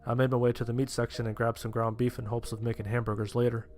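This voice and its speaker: A man plays a sheltered, anxious young survivor, narrating his story in the first person in a plain-spoken, sheepish way. His medium-pitched voice is a little mellow, flat and fast, lightly acted. Music runs behind him.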